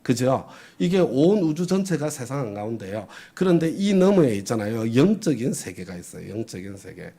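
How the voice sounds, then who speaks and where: A man's voice: mid-range voice, very animated, a little fast, few pauses, mellow. A male pastor preaching a sermon, who keeps asking his congregation questions and drives each point home with emphasis.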